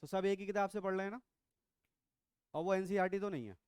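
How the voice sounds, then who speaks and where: A man's voice: high voice, brisk, darkish tone, clear, resonant tone, dry recording, studio quality. A middle-aged man teaching biology to a class, quizzing and teasing his students as he lectures. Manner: teasing, quizzing students, mixes English into Hindi.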